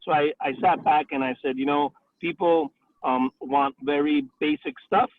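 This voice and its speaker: A chatty restaurant owner in his forties, a man, talks on a thin, phone-like line with a dry sound and no room around it. His voice sits a little high for a man. He keeps leaning on "you know" between his thoughts. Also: steady tone, normal speed, no echo. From Italy, raised in the Bronx, New York. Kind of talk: career interview over a call.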